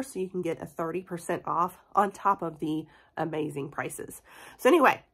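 A woman's voice: medium pitch, fairly bright tone. Bubbly stuffy-nosed woman in her forties. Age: 40s. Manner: bubbly and chatty, laughs often. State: stuffy from a cold. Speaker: beauty and haul vlogger. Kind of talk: casual product review vlog.

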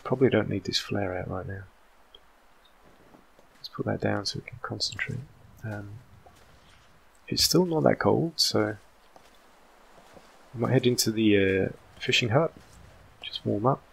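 English guy in his 30s, brit accent gone a bit american, chatting away through a game, lots of ums, low-ish gravelly voice. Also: measured pace, pauses often. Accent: British English mixed with American. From England. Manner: rambling and chatty, with many "um" fillers. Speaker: gaming channel host. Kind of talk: casual let's-play commentary.

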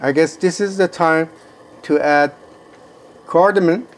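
A man in his sixties with a Persian accent hosts a cooking show from his kitchen, calmly walking through a home recipe step by step. His voice is fairly high, and there's a little hiss or hum on the recording.

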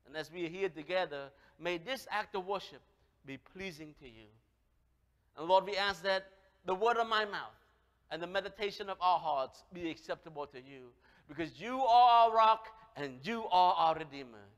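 This pastor, a Khmer-speaking man in his thirties with a Cambodian accent, delivers a spirited sermon in a large church sanctuary, moving from loud exclamations to soft speech with lively gestures. He talks at a moderate pace in a high voice, recorded on a headset with long hall reverb.

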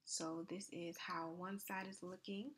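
A young woman chatting casually in a soft, low, near-whispered voiceover for a hair tutorial, with plenty of fillers. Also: level tone, unhurried, slight background noise. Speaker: hair vlogger. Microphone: voiceover mic.

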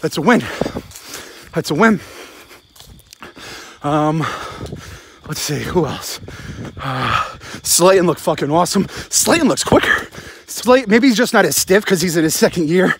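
Out walking at night, a forties-aged football fan who vlogs about sports rants bluntly and profanely into a close-held phone after the game, in short emphatic bursts. His voice is on the high side, animated and fairly bright with a breathy edge, and he goes unhurried, pausing often as he rambles to camera.

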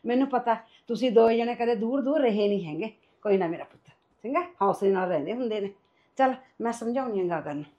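An actress playing a kindly older mother who gently reassures her daughter-in-law, in a short drama. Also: on the high side, lively intonation, fast talker, natural voice. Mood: soothing. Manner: gentle, reassuring, calls others son. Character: kindly mother, soothing her son's wife. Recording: dull lo-fi sound.

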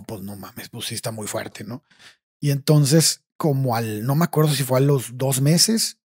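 A man's voice: fairly high pitch, a little mellow, breathy edge. A young Mexican man telling a personal story in casual, slang-heavy chat, swearing freely and tagging his phrases with "güey".

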